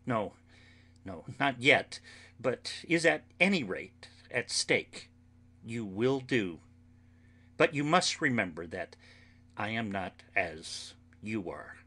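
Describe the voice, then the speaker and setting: A man reading an audiobook, voicing an anguished, earnest young woman who pleads solemnly and slowly with her friends. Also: mid-range voice, pushed and bright, full character voice. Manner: solemn, slow, pleading delivery.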